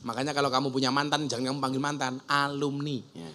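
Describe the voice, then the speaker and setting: A man's voice: medium pitch, little pitch movement, quick pace, pushed and bright. A man preaching a humorous public sermon, joking and punchy, firing off rhetorical questions to the crowd. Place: outdoor gathering at a boarding school.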